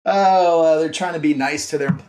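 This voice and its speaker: A company founder and CEO appears as a podcast guest, speaking informally in a slightly high, slightly mellow voice at a normal pace. He leans heavily on "like" and repeats phrases for emphasis.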